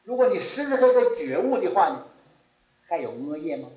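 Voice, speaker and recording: Male Buddhist teacher, sermon delivery, animated pitch, echoey room. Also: moderate pace. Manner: rises and drops sharply, repeats key phrases. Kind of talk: Buddhist dharma talk.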